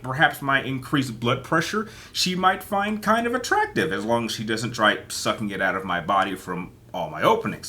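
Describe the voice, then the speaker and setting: A man's voice: mid-range voice, sharp tone. A man hosting a casual solo chat as he plays kiss-marry-kill, rambling and hesitant and often repeating his words. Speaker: host.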